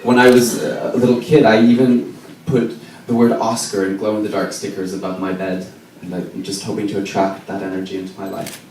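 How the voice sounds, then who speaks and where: A young man in his twenties with an American accent, doing a self-deprecating stand-up set and pausing with ums. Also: deep voice, little pitch movement, a little mellow, distant mic. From Israel. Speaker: stand-up comedian. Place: comedy club. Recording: echoey club recorded from afar, noisy.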